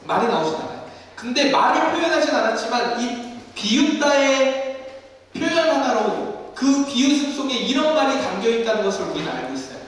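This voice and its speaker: A male pastor preaching a sermon in an animated way, acting out scripture scenes in different voices, in a basement studio used for church services. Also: very high voice, moderate pace. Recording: echoey hall from far off.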